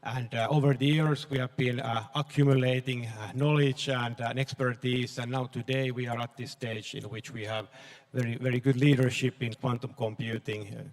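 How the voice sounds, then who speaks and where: A man answering on a live panel, speaking hesitantly with frequent pauses and fillers. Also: medium pitch, fairly even intonation. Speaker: panel guest.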